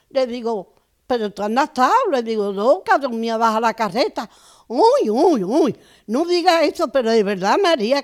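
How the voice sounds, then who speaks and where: An older woman with an Andalusian accent, a podcast guest who tells personal stories and acts out the people in them. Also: high-pitched. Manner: lively, acts out the voices in her stories. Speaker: interview guest. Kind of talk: anecdotal storytelling.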